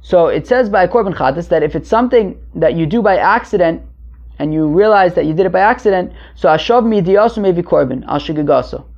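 Male teacher, conversational and halting, gravelly voice, explaining religious text; dull lo-fi sound. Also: high-pitched, expressive, darkish tone. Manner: conversational, halting, asking and answering his own questions. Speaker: Talmud teacher. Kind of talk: informal Talmud lesson, translating as he goes. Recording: muffled lo-fi recording.

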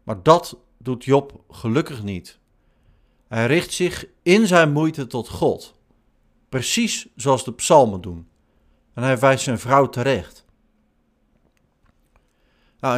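A man preaching a sermon in slow, measured short phrases. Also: medium pitch. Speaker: pastor.

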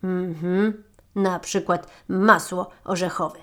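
A grumpy male badger from a storybook, as a woman reads him, gruff and short with his words. He grunts his replies slowly and quietly. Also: mid-range voice, exaggerated voice.

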